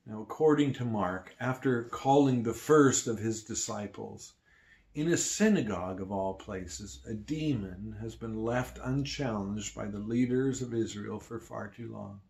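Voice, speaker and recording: A man preaching a sermon to his church, shifting between emphatic lines and hushed ones. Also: fairly low pitch, measured pace, gravelly. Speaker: pastor.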